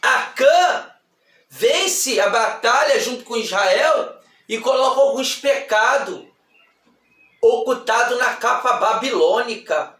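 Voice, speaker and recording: A man preaching a fiery sermon, shouting and repeating phrases for emphasis in a church hall. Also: very high voice, expressive, slow. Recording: echoey hall, far from mic.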